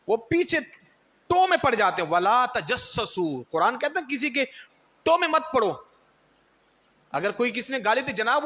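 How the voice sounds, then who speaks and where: A male preacher delivers a sermon in a high, sharp and bright voice. He tells stories and acts out the people in them. Long reverb trails his words. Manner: storytelling, acts out quotes and mocks others' styles. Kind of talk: Urdu sermon.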